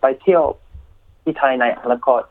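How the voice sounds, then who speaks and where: A man with an English-speaking foreigner's accent, answering interview questions politely in halting, broken learner's Thai with English words mixed in. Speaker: interview guest, YouTuber. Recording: thin narrowband phone or radio line.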